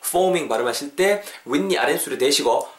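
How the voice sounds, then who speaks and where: A man's voice: on the high side, expressive, fairly bright tone. Chatty male English teacher, echoey room. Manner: chatty and encouraging, drills phrases slowly and repeats them. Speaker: English teacher and podcast host. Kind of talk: casual spoken English lesson.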